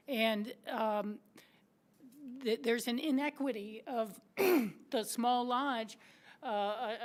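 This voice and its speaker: An American woman on a city council making her case at a meeting, earnest and slightly hoarse, with frequent restarts. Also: medium pitch. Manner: earnest, argues point by point with many restarts.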